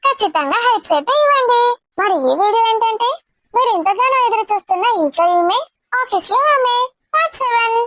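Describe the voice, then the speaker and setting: A woman's voice: extremely high pitch, fairly bright tone, no room sound, clean studio sound. A woman hosting a drama channel, giving an upbeat scripted intro and asking viewers to subscribe. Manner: upbeat, friendly appeals. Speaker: channel host.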